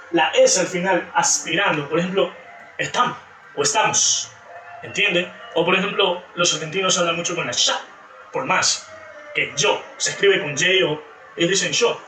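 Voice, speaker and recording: High bright-voiced man teaching from afar. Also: moderate pace. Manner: explains with examples, restarts and self-corrections. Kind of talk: explanatory class presentation. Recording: echoey room from a distance with faint music.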